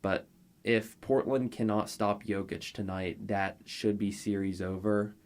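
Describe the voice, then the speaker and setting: A man talking as a guest basketball analyst, measured and detailed. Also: on the low side, fairly even intonation, darkish tone. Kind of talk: sports analysis chat.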